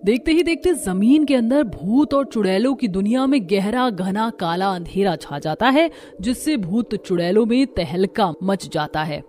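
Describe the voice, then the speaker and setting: A woman's voice: mid-range voice, lively intonation, measured pace, hardly any pauses, darkish tone, a little hiss or hum. A woman narrating a horror cartoon in a dramatic storytelling manner.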